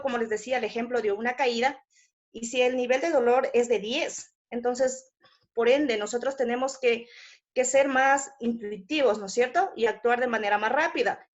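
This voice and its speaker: Ecuadorian woman intern, high voice, explaining and quizzing the class, muffled lo-fi sound. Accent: Ecuadorian Spanish. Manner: explanatory, asks the audience, frequent fillers and tag questions. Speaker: hospital intern presenting to classmates. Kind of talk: class presentation. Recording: muffled lo-fi audio.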